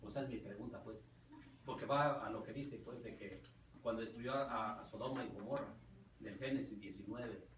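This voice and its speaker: A man's voice: on the low side, moderate pace. Hesitant man in Bible class. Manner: hesitant, stumbling over repeated words. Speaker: class participant. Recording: roomy, distant mic, clear noise.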